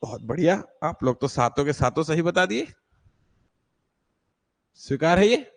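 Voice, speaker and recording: A man's voice: fairly high pitch, sing-song, unhurried. A man teaching an online class, patiently quizzing students and checking whether anyone is struggling. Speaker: exam-prep English teacher.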